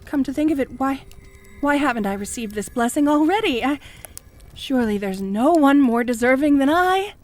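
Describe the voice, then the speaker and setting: A woman playing a fanatical, jealous cult high priestess in an audio role-play, fawning and pleading with stammering devotion. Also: animated, moderate pace, faint music behind. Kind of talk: scripted audio role-play addressed to the listener.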